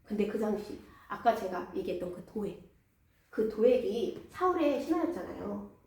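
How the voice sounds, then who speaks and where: A woman preacher telling a Bible story in a lively way, asking the audience questions, in a church. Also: on the high side. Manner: animated, asks the audience questions. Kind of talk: storytelling sermon. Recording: echoey church hall, mic far off.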